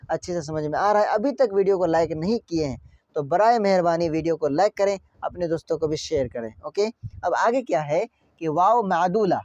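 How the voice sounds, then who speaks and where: A man's voice: high-pitched, a little mellow, no echo, lo-fi sound. A man teaching an online grammar lesson, stretching out example words and asking his students questions again and again.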